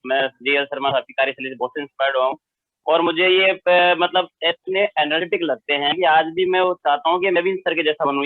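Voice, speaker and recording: Male caller: deferential, hesitant, a bit high-pitched, heard over a dry phone line. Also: no room sound. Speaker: caller asking questions.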